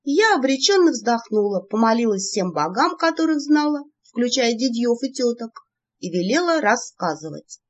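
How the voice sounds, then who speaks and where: Audiobook narrator: woman, fairly high, husky, animated delivery. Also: normal speed. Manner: lively, expressive reading. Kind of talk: first-person story narration. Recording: dull lo-fi recording.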